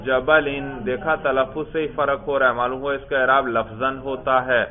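A man's voice: medium pitch, steady tone. A male teacher running a classroom grammar lesson, patiently questioning students and repeating their answers in a sing-song drilling voice. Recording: tinny phone-like recording.

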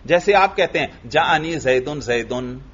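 A man teaching Arabic grammar in a classroom lesson, reading the text in a slow chant and then explaining it and quizzing his students. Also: on the high side, expressive, fairly bright tone, lo-fi sound.

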